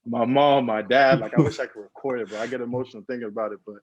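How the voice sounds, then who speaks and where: A man's voice: medium pitch, steady tone, fast talker, a loud crowd. A young American man in his twenties, a football player being interviewed, telling his story in an earnest, reflective way, often saying "bro" and "man". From United States. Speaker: guest, pro football player. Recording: dull, lo-fi dry sound.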